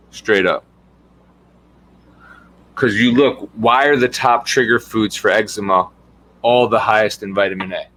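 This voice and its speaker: A man's voice: on the low side, a bit bright, rough recording. Indignant man ranting. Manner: emphatic, rhetorical questions, indignant. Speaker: health coach. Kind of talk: impassioned monologue.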